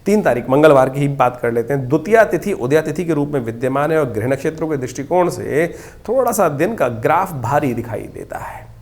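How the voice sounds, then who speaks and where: A man's voice: on the high side, expressive, a little fast. A man speaking as an astrologer, giving a horoscope talk in an explanatory, advising way.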